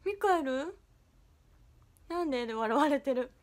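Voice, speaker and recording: A woman's voice: high-pitched, animated, measured pace. A young woman hosting a livestream, chatting playfully and bashfully with viewers and giggling as she reads their comments. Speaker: idol livestream host.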